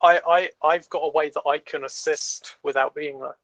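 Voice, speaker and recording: A man's voice: fairly high pitch, steady tone, moderate pace, fairly bright tone, dry recording, low-quality recording. A man playing a tabletop game, stammering as he thinks his options through aloud. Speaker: player.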